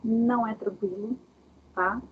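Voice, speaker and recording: Uma mulher dá um workshop online de casa, com jeito animado e muitas perguntas retóricas. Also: female voice, fairly high pitch, unhurried. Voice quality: very husky. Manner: animated, asks many rhetorical questions. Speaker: workshop speaker. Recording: dull lo-fi video call audio.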